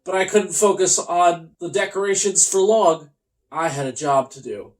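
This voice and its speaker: A host reads a comic children's storybook aloud in a mid-range voice, hamming it up in a theatrical, mock-earnest style with deliberate pauses. The recording quality is rough.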